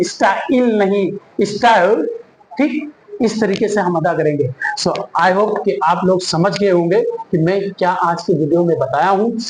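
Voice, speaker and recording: High-voiced man drilling English pronunciation. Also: darkish tone, echoey room, slight background noise, low-quality recording. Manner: drills words by repeating them, asks and answers his own questions. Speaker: English teacher. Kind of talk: pronunciation lesson.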